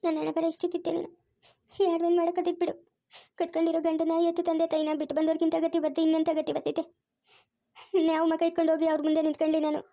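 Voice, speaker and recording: A woman's voice: very high-pitched, completely flat delivery, rapid-fire, dark tone. A woman playing a grieving, regretful young wife. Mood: lamenting. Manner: wailing, self-reproaching. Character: young woman who ran off, full of regret. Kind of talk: amateur family drama.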